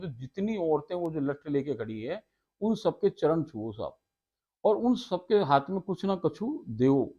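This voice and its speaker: A man's voice: on the high side, highs cut off. A man, giving a devotional talk, chatting casually and laughing often between passages he reads out. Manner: homely, laughs often, addresses listeners as sarkar. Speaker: devotional storyteller. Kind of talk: devotional talk mixing casual asides with read scripture.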